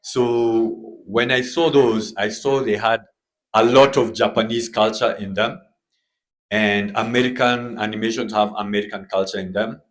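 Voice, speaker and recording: A man with a Kenyan accent, a comic artist guest who chats in a relaxed way on a panel. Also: fairly low pitch, measured pace. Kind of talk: panel discussion.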